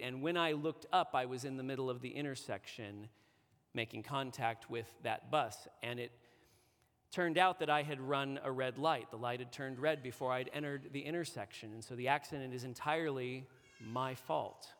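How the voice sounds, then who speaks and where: A man's voice: medium pitch, fairly bright tone. A man preaching a sermon, weaving a personal story into his teaching with earnest conviction. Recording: long hall reverb.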